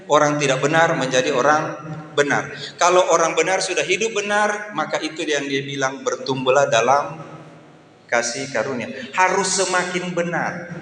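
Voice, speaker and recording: Man preaching in an echoey hall. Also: a little high. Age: 50s. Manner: lively preaching, acts out voices in asides. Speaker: pastor. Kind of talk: sermon. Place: church hall. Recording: echoey hall with faint ambience.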